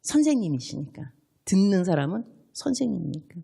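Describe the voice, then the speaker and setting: A middle-aged woman missionary delivers a revival sermon in a lively voice that ranges widely in pitch. She acts out everyday conversations, switching into the voices of the speakers she quotes. She puts questions to the congregation and answers them herself. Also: fairly quick, vocal fry, husky. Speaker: missionary preacher at a revival meeting.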